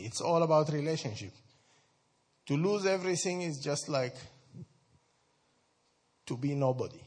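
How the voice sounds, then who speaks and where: A man's voice: mid-range voice, darkish tone, husky. A man from Sudan, giving a conversational talk to a church group, asking his listeners questions and laughing often. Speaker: speaker addressing a church group. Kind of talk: informal talk to an audience.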